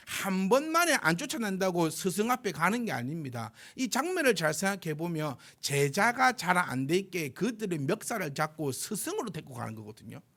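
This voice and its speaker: Lively, animated male pastor preaching. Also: sits high. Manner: animated, acts out quoted voices and asides; self-deprecating humor. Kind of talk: Sunday sermon.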